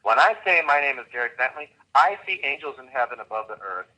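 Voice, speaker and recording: A man coaching a guest on a call, talking with lively enthusiasm and vivid imagery. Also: mid-range voice, fast, rough recording. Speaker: host and coach.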